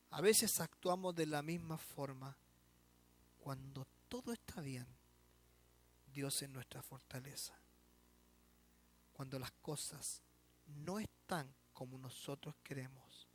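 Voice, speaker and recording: A man's voice: fairly high pitch, slight background noise. A man preaching a sermon as pastor, emphatic and drawn out, often asking the listener rhetorical questions. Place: church.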